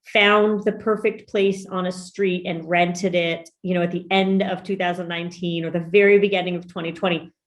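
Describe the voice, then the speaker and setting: An upbeat woman hosts a business podcast, emphatic and direct. Her voice sits a little low and she talks with lively emphasis. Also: moderate pace, hardly any pauses. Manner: upbeat, emphatic, says "y'all". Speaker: podcast host and business coach. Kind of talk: podcast interview.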